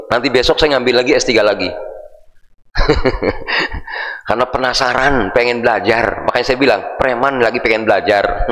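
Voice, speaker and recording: A man's voice: on the high side, a bit bright. A man preaching a morning mosque sermon, telling stories with jokes and addressing the congregation directly. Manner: storytelling with jokes, addresses audience as Bapak Ibu. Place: mosque hall. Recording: echoey mosque hall reverb.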